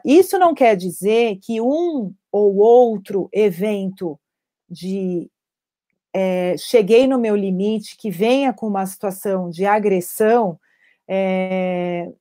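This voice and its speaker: A woman addiction treatment professional talking in a live stream over a video call, animated, acting out parents' words and tagging sentences with questions. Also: medium pitch. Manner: animated, acts out parents' quotes, frequent tag questions.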